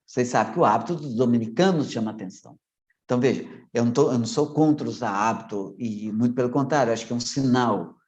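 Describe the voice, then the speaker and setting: A priest with a Minas Gerais accent lecturing religious formators, talking fast and a little anxiously, swallowing syllables and stumbling over words. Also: male voice, medium pitch, a little mellow, dull audio. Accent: Minas Gerais Brazilian Portuguese. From Minas Gerais, Brazil. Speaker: priest and theology professor giving a formation talk. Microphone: video call.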